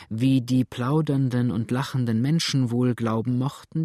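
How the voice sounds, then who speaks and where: A man reading a story aloud as an audiobook narrator, steady and measured. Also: mid-range voice, dry recording, clean studio sound. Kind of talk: scripted narration.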